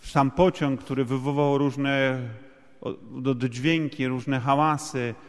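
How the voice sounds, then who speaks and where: A man's voice: mid-range voice, fairly even intonation, slow pace. A man interpreting a sermon in a church, restating each point at length with fillers. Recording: long hall reverb.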